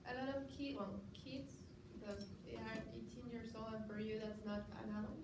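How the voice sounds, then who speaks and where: A nineteen-year-old student debater, a native Spanish speaker with a Mexican accent, delivers a halting rebuttal in English during a classroom debate, searching for words as she goes. Her voice is a little high and steady in tone. The classroom recording is echoey and noisy, with the mic placed far away.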